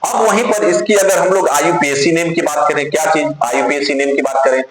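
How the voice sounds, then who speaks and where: A man with a slightly high, fairly quick voice gives a chemistry lecture in class, spelling names letter by letter and answering his own questions. He calls the students dear children, and the room is very echoey with music behind.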